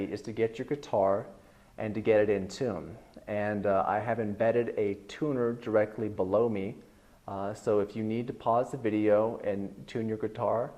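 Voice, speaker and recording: A bass-baritone man teaches guitar in an online video, explaining things in a relaxed, rambling manner with plenty of fillers. The audio has its highs cut off.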